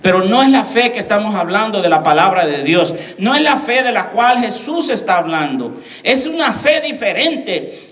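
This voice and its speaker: High-voiced preaching pastor, echoey hall. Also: male voice, a bit bright, far from the mic. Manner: preaching with rhetorical questions to the congregation. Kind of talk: sermon.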